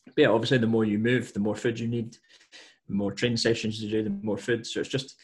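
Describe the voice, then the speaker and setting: A man with a lowish voice talks as a guest on a podcast. He explains his coaching approach in a measured, steady way, with plenty of "like" and "um" along the way. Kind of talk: casual podcast interview.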